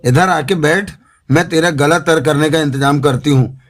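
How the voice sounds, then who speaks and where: A man's voice: on the high side, moderate pace, lightly acted. A man voicing a stern older woman addressed as Amma, who speaks firmly and gives orders, in an audiobook. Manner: firm, commanding.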